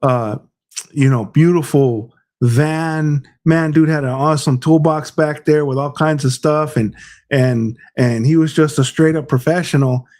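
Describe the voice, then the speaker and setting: A middle-aged man tells a story in loose, casual chat, tripping over repeated words and dropping bro and dude along the way. His voice sits a little high for a man. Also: steady tone, a little slow, a little mellow. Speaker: podcast co-host.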